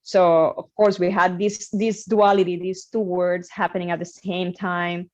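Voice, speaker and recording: Cuban woman musician, warm low voice. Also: little pitch movement, a little slow. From Cuba. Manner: thoughtful, many fillers and restarts. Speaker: guest musician. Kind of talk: casual interview.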